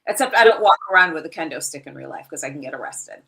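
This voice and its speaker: Middle-aged woman guest, brash and candid, a bright, forceful voice sitting a little low. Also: animated, fast, gravelly, poor audio. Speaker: guest wrestler. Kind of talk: casual podcast chat.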